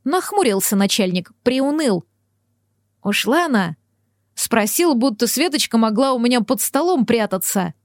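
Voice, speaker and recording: A woman narrating a first-person audiobook in a wry, lively storytelling manner. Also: a little high, moderate pace, hardly any pauses, no echo, clean studio sound.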